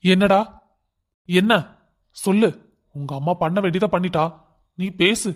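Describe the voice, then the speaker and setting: A man's voice: sits high, normal speed, close to an everyday voice. A man voicing a stern older father who scolds and lectures his family in a cartoon story.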